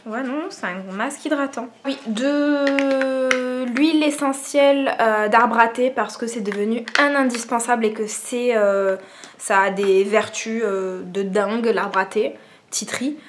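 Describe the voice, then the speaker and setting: A young woman from France talks to her camera at home in a casual, rambling vlog, full of fillers and self-mocking asides. Her voice sits a little high. A faint noise runs under the recording. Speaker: beauty vlogger. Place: at home indoors. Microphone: camera propped on cushions.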